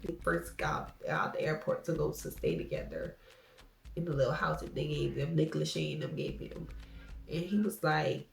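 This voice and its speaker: A woman's voice: low voice, lively intonation, moderate pace, gravelly, far from the mic. Blunt, opinionated young woman vlogger. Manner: blunt, opinionated, swears freely. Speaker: vlogger recapping a reality show. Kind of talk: casual commentary. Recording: echoey room with faint music behind.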